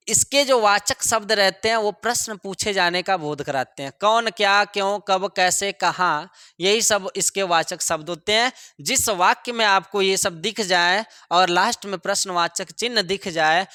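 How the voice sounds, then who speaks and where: A male teacher giving a grammar lesson, repeating each example sentence slowly for students to copy. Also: high voice, bright, forceful tone, smooth, no echo, clean studio sound. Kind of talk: classroom lesson.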